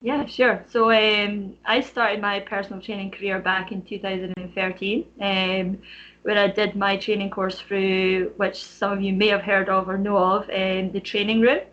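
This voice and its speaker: A woman's voice: mid-range voice, level tone, normal speed, a bit bright, lo-fi sound. A woman in her thirties with a Canadian accent, a personal trainer chatting as a podcast guest, filling her talk with "like" and "you know". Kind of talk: casual interview chat.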